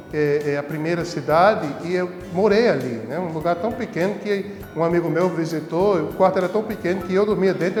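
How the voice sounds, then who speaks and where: Priest, high voice, echoey. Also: male voice, a little mellow. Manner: laughs easily while telling funny stories. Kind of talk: casual storytelling. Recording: echoey room with long reverb.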